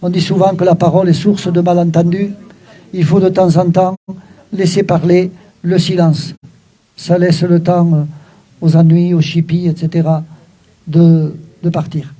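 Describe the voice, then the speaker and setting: Lively older man explaining word origins. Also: high-pitched, unhurried. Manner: lively, emphatic, frequent "hein" and "voilà" asides. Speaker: Occitan teacher. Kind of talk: explaining a text in a recorded talk.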